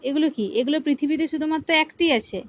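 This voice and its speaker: A woman's voice: high voice, fast, dull audio. A woman teaching an English grammar lesson, explaining patiently and asking her students rhetorical questions. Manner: patient, asks rhetorical questions, repeats "ঠিক আছে".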